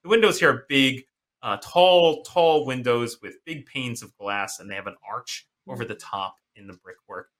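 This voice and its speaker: A man's voice: medium pitch, a bit bright. A man narrating a horror tabletop game as game master, often restarting his phrases and filling gaps with "uh" and "um". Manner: halting, many restarts and fillers.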